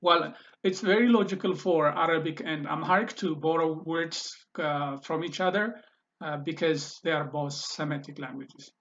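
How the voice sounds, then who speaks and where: A man's voice: a little high, normal speed, a bit bright. A man teaching a language lesson, patiently repeating words for pronunciation. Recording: dull lo-fi recording.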